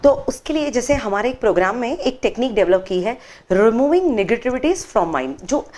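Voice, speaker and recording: Animated woman explaining on a talk show. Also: a little high, a little slow. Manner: expressive, acts out quoted voices while telling a story. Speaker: meditation workshop trainer, guest. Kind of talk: TV interview, animated storytelling.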